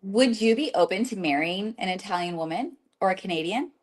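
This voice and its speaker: A woman's voice: medium pitch, expressive. A young woman in her twenties asking questions in a casual chat, bubbly and friendly. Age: 20s. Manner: bubbly, quick to laugh, friendly.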